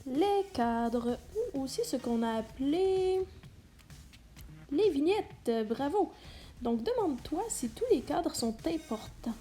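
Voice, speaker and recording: A teacher speaks slowly in a warm, expressive, high-pitched voice as she explains a lesson to students in an instructional video. She addresses the listener directly, emphasizing key words, while faint music plays behind.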